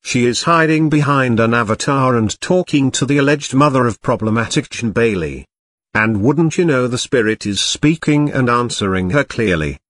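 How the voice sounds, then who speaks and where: Deadpan formal male narrator, dry sound. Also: medium pitch, moderate pace, no room sound. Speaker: commentary host. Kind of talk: scripted commentary narration.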